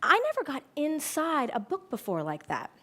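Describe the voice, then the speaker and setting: A woman's voice: sits high, wildly swooping pitch, moderate pace, fairly bright tone, voice pushed up, full character voice. A woman quoting an awed little schoolboy.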